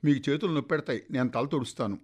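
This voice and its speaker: A man voicing a caring young wife who fusses over her husband in soft, coaxing speech, within a radio story reading. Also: mid-range voice, fast talker, breathy edge, close to an everyday voice. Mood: fond coaxing.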